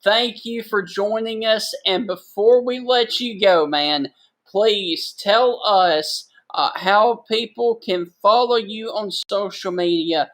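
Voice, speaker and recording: A man co-hosting a sports talk show, wrapping up in a slow, deliberate way. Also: high voice, a bit bright. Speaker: co-host. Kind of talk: casual interview chat.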